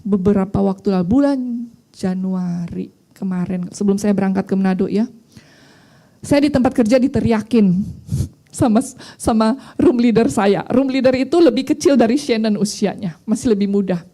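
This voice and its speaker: A woman's voice: medium pitch, moderate pace, warm tone. A middle-aged woman pastor preaching a sermon in a conversational, storytelling way, mixing in English phrases.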